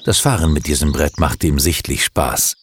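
A man reading a children's story aloud with expressive, dramatic storytelling. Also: very deep voice, normal speed, noisy background.

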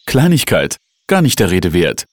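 A man's voice: deep voice, big pitch swings, normal speed, a little hiss or hum. A man voicing a cocky, grumbling young boy in a read-aloud storybook, sounding boastful. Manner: boastful, grumpy.

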